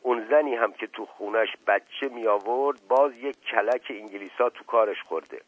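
A man's voice: lowish voice, slightly rough, no echo. A man doing a folksy old servant. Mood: eager. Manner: folksy drawl with stock hesitations. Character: old rustic male servant, talkative and boastful. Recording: tinny narrow-band radio sound, dry.

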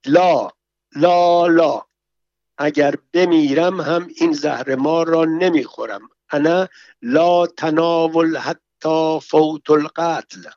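A man voicing a squeamish, quick-tempered Persian man who speaks slow, halting broken Arabic in a read-aloud story. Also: a little high, a little mellow, no echo, highs cut off, close to an everyday voice. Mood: defiant.

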